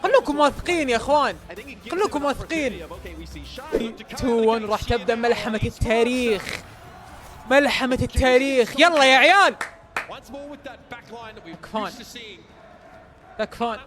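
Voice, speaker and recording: A man giving excited live commentary as a streamer, chanting and cheering his team on. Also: extremely high pitch, normal speed, pauses often, music in the background.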